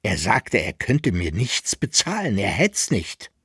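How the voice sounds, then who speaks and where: An exasperated merchant grumbles about his troubles in a dry, close radio reading. A man reads him with a husky voice that carries a steady note of complaint. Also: fairly low pitch, measured pace, dry recording, voice pushed down, exaggerated voice. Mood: aggrieved. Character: indignant middle-aged male merchant, grumbling.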